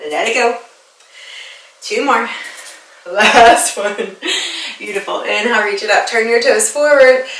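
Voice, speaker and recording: Bright, bubbly woman teaching yoga. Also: on the high side, unhurried, pauses often. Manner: upbeat and playful, laughs often, counts breaths. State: slightly out of breath from exercising. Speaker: yoga instructor and personal trainer. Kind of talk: guided yoga class instruction. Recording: echoey room, voice a bit far from the mic.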